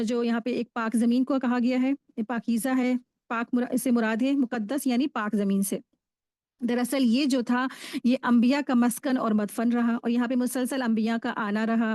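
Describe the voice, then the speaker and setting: A woman teaching a Quran study class, explaining verses and history in a steady, explanatory way with frequent restarts. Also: on the high side, no room sound, clean studio sound. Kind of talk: religious lesson.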